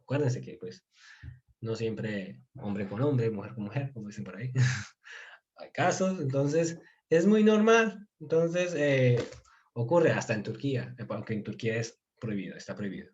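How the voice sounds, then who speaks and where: A man giving a relaxed, casual language lesson, explaining slowly and sounding out words bit by bit. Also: mid-range voice, muffled recording. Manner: relaxed, chuckles now and then. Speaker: Turkish language teacher.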